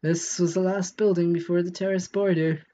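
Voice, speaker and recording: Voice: medium pitch, level tone, normal speed, mellow, lo-fi sound. A live streamer giving casual commentary while playing a game, thinking aloud and answering chat.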